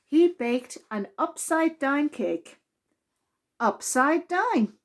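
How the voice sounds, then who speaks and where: A high-voiced woman reads to young children at storytime, moving at a very unhurried pace. She is deliberate and expressive throughout, aiming every line at her small listeners.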